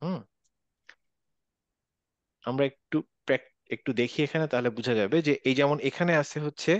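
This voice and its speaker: A man's voice: mid-range voice, no room sound. Guy teaching recitation over a call, drags out each sound and repeats it, kinda dull dry audio. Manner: demonstrates letters slowly, repeating sounds. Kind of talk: online class explanation. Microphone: video call.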